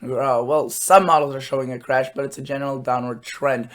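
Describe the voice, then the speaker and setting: Casual and halting, the weather channel host walks through forecast charts, his medium-pitched voice slightly hoarse and his intonation fairly even, with filler words throughout.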